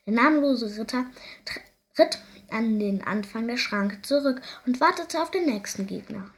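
Woman, storyteller, children's story reading, lively and expressive, fairly high voice. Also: moderate pace.

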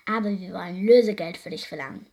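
A woman reading a storybook voices a pair of gruff male pirates who grumble and bluster. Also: lowish voice, quick pace, a little mellow, pitched below the performer's own voice.

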